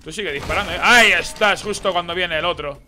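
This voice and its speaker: A man doing live gameplay commentary as a streamer, excitable and swearing as he reacts to the game. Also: high-pitched, fast talker, faint music behind. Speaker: gaming streamer.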